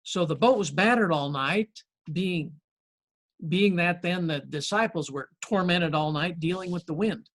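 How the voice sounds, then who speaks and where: A man preaching as pastor in a conversational sermon, telling stories with gentle humor and friendly, unhurried pauses. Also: sits high. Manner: folksy storytelling with gentle humor.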